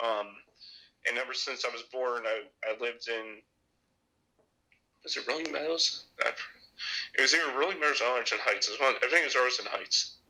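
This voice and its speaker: Young man, twenties, from Illinois, podcast guest, halting speech, very bright tone, radio-like sound. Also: medium pitch, rough recording. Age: 20s. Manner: halting, many restarts and fillers. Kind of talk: casual chat.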